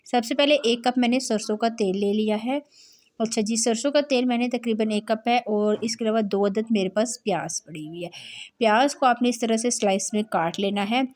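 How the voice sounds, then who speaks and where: A woman's voice: on the high side, a little mellow. A young woman chatting her way through a home-remedy cooking tutorial, explaining each step and talking freely along the way.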